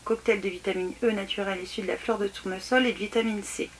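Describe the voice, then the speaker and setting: A woman reviews beauty samples in a casual, chatty vlog. She talks haltingly, with many restarts and fillers, at an ordinary middle pitch. A faint hiss and small clicks sit behind her voice. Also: fairly even intonation. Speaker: beauty vlogger. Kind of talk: casual product unboxing review. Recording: faint background noise and clicks.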